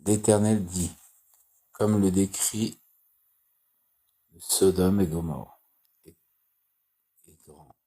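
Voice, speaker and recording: Man, Torah lesson, very low voice, husky, halting reading. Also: fairly even intonation, mellow. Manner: slow, halting reading with restarts and repeated phrases. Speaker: Torah teacher. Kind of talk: reading and explaining Torah commentary.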